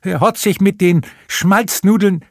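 A man's voice: high voice, measured pace, darkish tone, dry recording, clean studio sound, pitched above the performer's own voice. A man voicing a timid village sexton who mumbles sheepishly.

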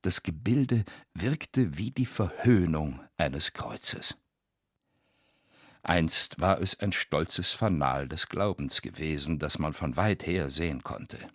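A man reading a dark story aloud in a measured, suspenseful narration with a husky voice. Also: rumbling low, animated, no echo, clean studio sound. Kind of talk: scripted audiobook narration.

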